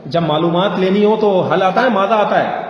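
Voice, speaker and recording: A man teaching an Arabic grammar class, patiently correcting students by asking them questions. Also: high-pitched. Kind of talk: interactive classroom lesson. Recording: roomy echoey recording with faint hiss.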